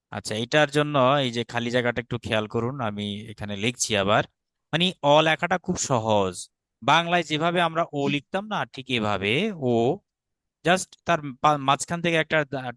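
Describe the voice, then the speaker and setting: Bangladeshi man, online teacher, patient, mid pitch, dry close sound; keeps checking in with students. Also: a bit bright, clean tone, no echo. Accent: Bangladeshi Bengali. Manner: patient, checks understanding often. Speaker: Sanskrit teacher. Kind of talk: online grammar class.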